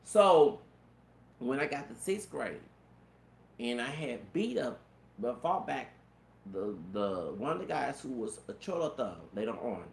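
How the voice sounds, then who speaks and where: A man in his thirties with a feminine-sounding, mid-range voice tells a rambling personal story, very animated, unhurried, and creaky. He keeps restarting with repetitive stammers, curses, and often says "you know what I'm saying." The recording has a roomy echo and faint background noise.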